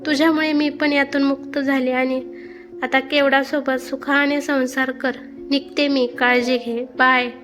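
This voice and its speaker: A gentle young woman's ghost, voiced by a woman narrator in a storybook tale. She speaks softly and tenderly in a high voice, with faint music behind her. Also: level tone, measured pace.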